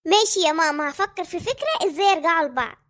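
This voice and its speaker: A woman's voice: very high-pitched, animated, rapid-fire, a bit bright. A woman voicing a cheeky, boastful young boy in an Egyptian cartoon, with an Egyptian Arabic accent. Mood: eager telling. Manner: boastful, chatty. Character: cheeky clever young boy, mother's son.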